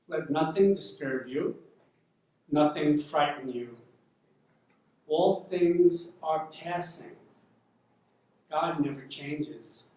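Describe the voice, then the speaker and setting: A man, a priest from a school guidance department, reciting a prayer in a slow, solemn manner. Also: on the high side, darkish tone. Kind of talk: reading a prayer. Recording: very echoey room, voice from a distance.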